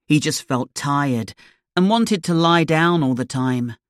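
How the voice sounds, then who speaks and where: A narrator reading a graded storybook slowly and clearly, each sentence placed with care. The voice sits at a middle pitch and is recorded close and dry, with no room sound. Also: animated, dry recording. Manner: slow, clear, deliberate reading.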